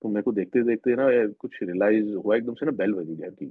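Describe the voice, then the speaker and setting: A man with a husky, somewhat low voice gives an earnest, rambling testimony, often breaking off and restarting his sentences. The sound is thin and phone-like, and it is dry with no room echo. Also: brisk. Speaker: devotee sharing a personal spiritual experience. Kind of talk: personal testimony at a devotional gathering.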